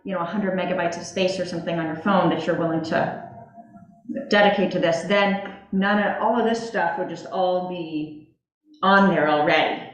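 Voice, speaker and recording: A woman's voice: fairly low pitch, moderate pace. A woman in a town meeting, explaining step by step with many fillers. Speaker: commission member. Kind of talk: casual meeting discussion. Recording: echoey meeting room.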